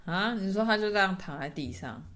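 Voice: mid-range voice, lively intonation, fairly quick, a bit bright. A podcast host in casual conversation, prompting the guest with questions and short reactions. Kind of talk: casual chat.

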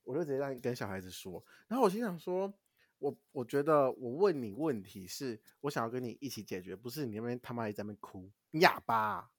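A young man from Taiwan, co-hosting a podcast and telling a story in casual chat, animated and swearing lightly. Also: mid-range voice, quick pace, no room sound, studio quality. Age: young adult. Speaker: podcast co-host.

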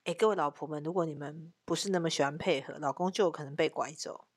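A woman co-hosting a frank, animated relationship chat and telling stories. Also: low-pitched, quick pace, slightly rough. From Taiwan. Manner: animated storyteller, bursts of laughter. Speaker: co-host, tarot reader.

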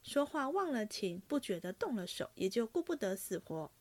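A woman reading aloud and voicing an earnest, impulsive young nobleman who talks in a quick, eager, pleading way. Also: on the high side, big pitch swings, a little mellow. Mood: coaxing.

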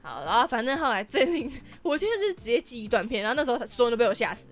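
A young woman tells her stories at a rapid clip, blunt and full of swearing and laughs. Her voice sits a little high, with faint music underneath. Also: sing-song. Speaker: podcast host. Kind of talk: casual storytelling chat.

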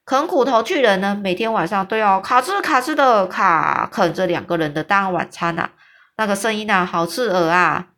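A woman voicing a huge, boisterous male giant who teases loudly and draws out his exclamations. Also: lightly acted. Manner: booming, boisterous, drawn-out exclamations.

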